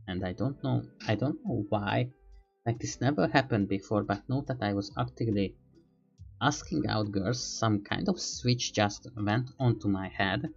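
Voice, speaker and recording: A man's voice: on the low side, gravelly, highs cut off. A man streaming, telling a rambling casual story in non-native English, hesitant and full of fillers as he searches for words.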